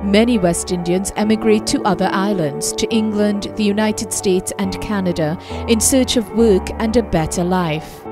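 A woman narrating a history documentary in a measured, scripted delivery. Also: medium pitch. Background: music.

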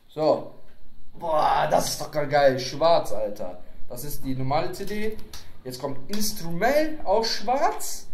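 A man's voice: on the high side, a little hiss or hum. A man casually chatting through an unboxing video at home, rambling and joking with his viewers. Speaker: unboxing vlogger. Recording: echoey room.

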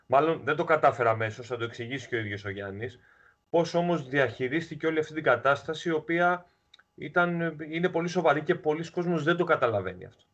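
A male interview host asking questions in a halting way, often restarting his sentences. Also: on the high side, a bit bright, dull audio.

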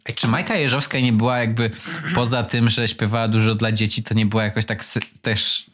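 A man's voice: lowish voice, flat delivery, brisk, fairly bright tone. A young man co-hosting a casual podcast, teasing his partner, cutting in and laughing often. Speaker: podcast co-host. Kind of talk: casual chat.

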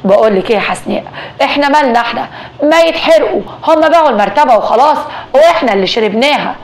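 A woman voicing a calm, practical Egyptian husband in a told story, speaking steadily in a slightly lowered voice. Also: rapid-fire. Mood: steady. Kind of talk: storytelling dialogue.

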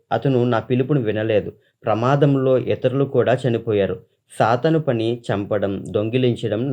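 Male pastor with a low voice, reading a testimony in an earnest, solemn sermon style. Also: warm tone.

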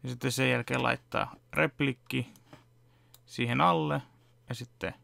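Close to the camera at his home desk, a young vlogger and fan dubber gives a relaxed, step-by-step account of his dubbing work, using fillers as he goes. His voice is medium-pitched and gravelly, with no echo, in this casual behind-the-scenes chat.

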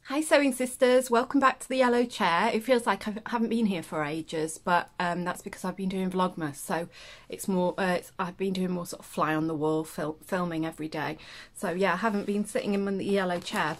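A woman's voice: fairly low pitch, slight background noise. A woman hosting a casual sewing vlog, chatting through a magazine with joking asides and frequent restarts. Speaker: sewing vlogger reviewing a pattern magazine. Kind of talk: casual chat. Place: indoors at home, seated in a chair.

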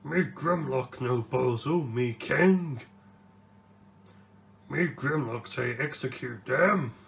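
A man's voice: medium pitch, slow, gravelly. A man switching impression voices, playing a blunt, brutish robot king who speaks in broken grammar. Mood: domineering.

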